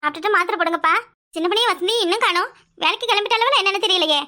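A stern young village woman with a southern Tamil accent in a cartoon. Her voice is very high and bright, and she talks rapidly and curtly. She is dutiful and scolds easily. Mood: pleading. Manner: curt, sharp-tongued, scolding. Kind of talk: cartoon voice acting.

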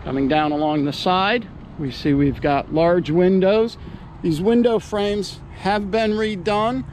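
A man's voice: slow pace, a little mellow, slight background noise. A man giving an upbeat salesman's walkthrough tour of a boat, outdoors at a marina. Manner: upbeat salesman pitch, pointing out features.

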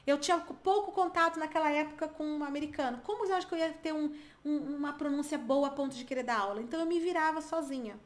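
High-voiced, chatty Brazilian woman teacher. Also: quick pace. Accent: Brazilian Portuguese. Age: 30s. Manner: lively, chatty, addresses viewers directly. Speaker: English teacher. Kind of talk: online pronunciation lesson.

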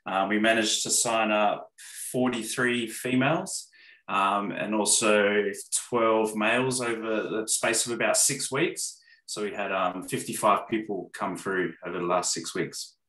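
Guy in his 30s on a video call, kinda low voice, roomy echo, lots of ums. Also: unhurried. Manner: plain, steady, many ums. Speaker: gym owner. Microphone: video call webcam.

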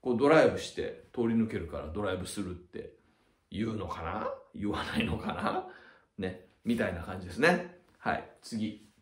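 Lively middle-aged male tutor, echoey room. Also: on the low side, moderate pace. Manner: chatty, ends phrases with a tag "ne", acts out sound effects. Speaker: cram school head teacher. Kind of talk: explaining vocabulary to students.

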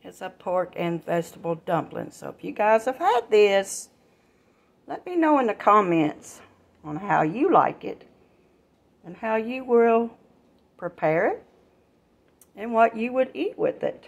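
An older woman chatting casually through her grocery haul at home, homely and relaxed, addressing viewers as y'all, recorded on a phone in her kitchen. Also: mid-range voice, unhurried, vocal fry, long pauses. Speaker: vlogger.

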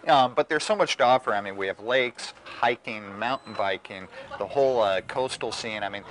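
Relaxed man talking at an outdoor winery. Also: fairly low pitch, normal speed, a little hiss or hum, rough recording. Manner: relaxed and proud, many fillers. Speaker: winery owner. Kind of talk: casual interview.

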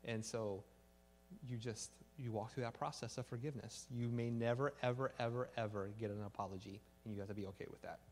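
A pastor giving a conversational sermon, acting out everyday exchanges and ending in prayer. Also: male voice, mid-range voice, fairly even intonation, brisk, a little hiss or hum. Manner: conversational, acts out little dialogues, fillers like "like"; earnest prayer to close.

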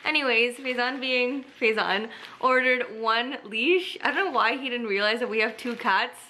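Filming a casual vlog on a close-up handheld camera, a young woman chats upbeat with plenty of fillers, her voice a little high and sharp at a moderate pace. The scenes shift between a shopping mall and her living room at home.

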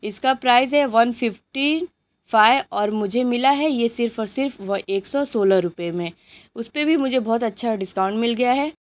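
A woman hosting her cooking channel, chatting unhurriedly through a grocery haul while filming at home on a handheld phone. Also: fairly high pitch. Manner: chatty, unhurried listing of items. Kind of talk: grocery haul show-and-tell. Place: indoors at home, items on a patterned rug.

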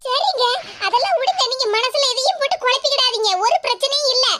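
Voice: extremely high pitch, expressive, fast, bright, forceful tone, full character voice. A voice actor playing a worried middle-aged cartoon wife and mother in Kanyakumari Tamil, who coaxes and frets aloud. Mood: pleading. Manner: coaxing, repeats pleas, frets aloud to herself. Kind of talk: cartoon comedy voice acting.

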